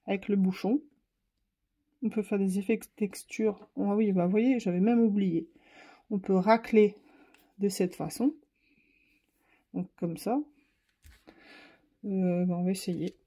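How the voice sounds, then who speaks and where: Husky woman with a Ch'ti accent. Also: medium pitch, fairly even intonation, measured pace, long pauses, warm tone. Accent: Ch'ti (northern France). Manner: chatty, thinks aloud while painting. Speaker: craft channel host. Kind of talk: casual art-supply demo.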